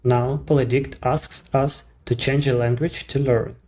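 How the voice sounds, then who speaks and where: Presenting a service he runs, a man walks through screen-recorded software steps in English, his Ukrainian accent and occasional non-native wording showing. He is a native Ukrainian speaker with an ordinary mid-pitched voice, a level tone, and a calm, unhurried delivery.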